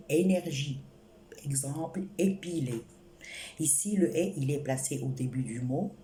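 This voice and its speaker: A woman teaching a French spelling lesson, speaking slowly and repeating each point and example. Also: deep voice, dark tone. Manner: slow, repetitive, spells out examples. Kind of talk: spoken grammar lesson. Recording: echoey room with faint hiss.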